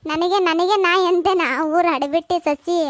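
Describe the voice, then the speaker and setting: A woman with a North Karnataka Kannada accent voicing a fiery young village housewife in a comic cartoon, talking in shrill, squabbling village chatter. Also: slight background noise.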